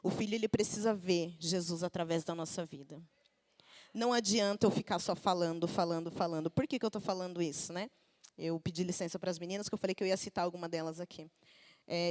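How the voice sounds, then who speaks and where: A woman's voice: medium pitch, a little mellow. Brazilian woman preaching conversationally. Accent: Brazilian Portuguese. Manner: conversational, asks the congregation questions, acts out everyday quotes. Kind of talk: sermon. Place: church service.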